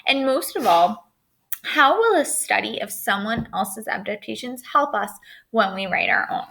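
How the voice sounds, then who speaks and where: An elementary school writing teacher gives a remote lesson with a storybook read-aloud, addressing her pupils directly as she explains and asks them questions. Her voice is a little high, expressive and unhurried, with vocal fry and a sharp tone.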